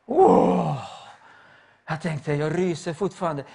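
A middle-aged man preaching a sermon, telling stories emphatically and acting out the quotes he tells. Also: sits high. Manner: emphatic, storytelling with acted quotes.

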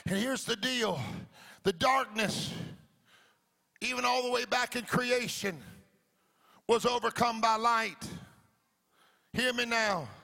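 A man delivers a rousing sermon in a very high-pitched, forceful voice with a gravelly edge. He booms out biblical narration in emphatic, stretched phrases, repeating them rhythmically over background music. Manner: emphatic, drawn-out declarations with rhythmic repetition. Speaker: preacher. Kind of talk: rousing call-and-response sermon. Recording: music playing behind the preaching.

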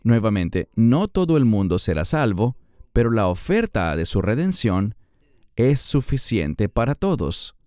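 A man's voice: fairly low pitch, big pitch swings, a little slow, mellow, smooth, no room sound, clean studio sound. A man as a guest Bible teacher, explaining in an emphatic way. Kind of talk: Bible discussion.

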